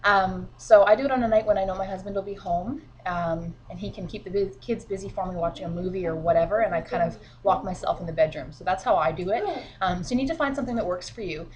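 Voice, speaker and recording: A woman with a cold, sniffling a little, gives chatty, encouraging advice to her sales team from home in a casual instructional vlog, children beside her. Her mid-range voice is fast with hardly any pauses and frequent fillers. The recording is muffled.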